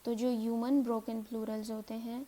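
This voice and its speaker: A woman teaching a grammar lesson as a recap, saying example words slowly three times over. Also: a little high, little pitch movement, dark tone.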